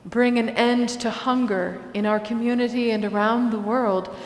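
A woman pastor leading prayers and the communion liturgy in a large church sanctuary, with a slow, measured cadence. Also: on the high side, fairly even intonation. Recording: echoey church hall.

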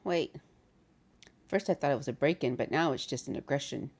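A woman chatting casually as she hosts a reaction video from her bedroom, animated and laughing often. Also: low voice, brisk, slight background noise.

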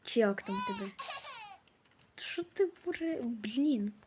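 A woman's voice: a little high, animated, noisy background. A woman giving casual let's-play commentary, scolding and swearing at the game characters as she plays. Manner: slow, drawn-out delivery. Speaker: gameplay commentator.

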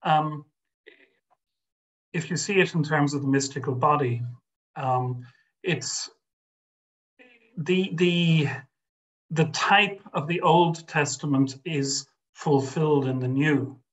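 An older Irish man with a slightly high voice speaks slowly as a guest scholar on a video call from his home study, pausing often. He sounds thoughtful and hesitant, with many restarts and fillers, and the webcam microphone gives poor audio.

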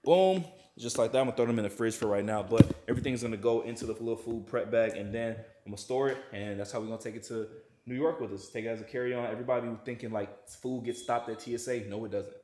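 Cooking in a large home kitchen, this young man talks to camera in a relaxed, slang-heavy way; he's a fitness vlogger. His mid-range voice has a dark tone and moves quickly. The room echoes, and a little hiss or hum sits under the audio.

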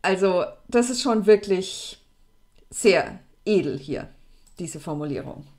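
A woman, explaining French question forms to students in a lively, chatty way. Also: slow. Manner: lively, chatty, plays with pitch for emphasis. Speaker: French teacher.

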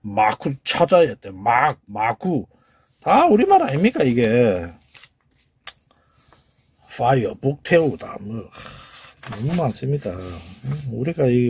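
A man's voice: medium pitch, a little mellow, husky. A man with a Gyeongsang Korean accent giving an informal lecture, emphatic, repeating key words and sounding them out.

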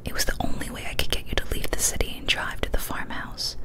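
This young adult ASMR creator reads frightening stories in a soft, breathy, unvoiced whisper, keeping it careful and quiet despite talking fast. She sits close to a studio mic on a boom arm in a small, decorated room indoors.

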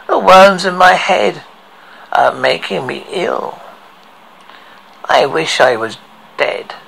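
Horror story killer, male, acted by a man: deranged, tormented, very gravelly, slightly high voice, theatrical delivery, slightly noisy amateur recording. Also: a bit bright, full character voice. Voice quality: heavily creaky, gravelly. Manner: slow, halting, theatrical delivery. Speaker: horror host. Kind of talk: dramatic horror story recital.

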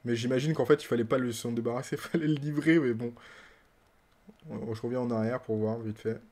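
Male streamer, mid-pitched, playful running commentary, chats with game characters. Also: steady tone, fairly quick, a little mellow. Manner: playful, laughs often, talks to game characters. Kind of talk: casual let's-play commentary.

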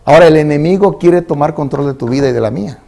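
A man's voice: on the high side, fast talker, vocal fry, mellow. A man preaching a sermon in church, telling a story and acting out the people in it. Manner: storytelling preacher, voicing characters in quoted dialogue. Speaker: pastor. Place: church sanctuary.

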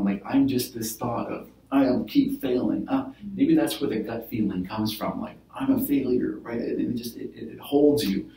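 A man playing a therapist in a role-play session, explaining patiently and checking in with "right?" as he goes. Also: medium pitch. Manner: explaining gently with many "right?" and "like" fillers. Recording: roomy, from a distance.

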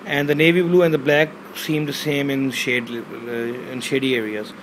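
Indoors in a small bedroom, an Urdu speaker reviews a product as he unboxes it on a handheld phone camera. He speaks hesitantly with lots of fillers and reads the box labels aloud, in a medium-pitched, flat voice at normal speed. The recording is rough, with a little hiss or hum.

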